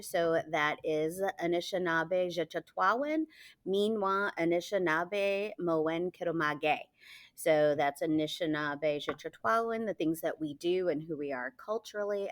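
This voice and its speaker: A low-voiced teacher from Michigan, USA, in her forties, chats casually as an interview guest. Her speech is full of fillers, and she laughs often.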